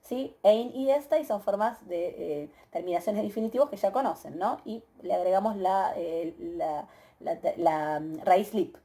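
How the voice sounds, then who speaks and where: A woman teacher with an Argentine Spanish accent, giving a methodical recorded grammar lecture, often pausing with "eh" and checking in with her students. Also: medium pitch, mellow. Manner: methodical, explanatory, many filler "eh"s and rhetorical "¿sí?" checks.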